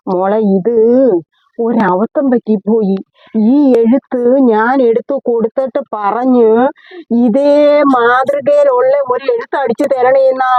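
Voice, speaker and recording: A woman's voice: a little high, fairly even intonation, slow. A woman playing an anxious middle-aged mother of a bride in a comic skit, who apologizes and pleads for help with her debts. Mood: apologetic. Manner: pleading and apologetic, repeats "mole". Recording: tinny phone-like dry recording.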